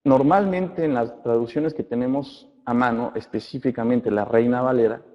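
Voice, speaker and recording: A man teaching a church Bible study class, often checking in with his listeners and reading scripture aloud slowly. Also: medium pitch. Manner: addresses listeners as brothers, asks checking questions. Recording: muffled recording in a reverberant hall.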